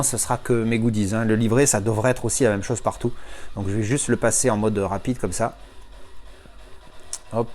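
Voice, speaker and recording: Male unboxing host at home, mid-range voice, casual and chatty with excitable outbursts. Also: mid-range voice. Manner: chatty, thinks aloud, bursts of excited exclamations. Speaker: collector reviewing an unboxing. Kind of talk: casual unboxing commentary to viewers.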